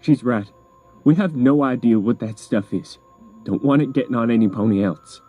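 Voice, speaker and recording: Folksy, level-headed pony mare read by a male narrator, warm and plainspoken. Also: medium pitch, normal speed, faint music behind, natural voice. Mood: earnest. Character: down-to-earth sensible farm pony mare.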